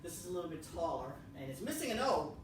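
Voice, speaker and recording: A man's voice: fairly high pitch, big pitch swings, fast talker, background noise. A man giving a casual tour of his home pianos, rambling and repeating himself with many ums. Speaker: piano vlogger. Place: room in a house. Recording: echoey room, far from the mic.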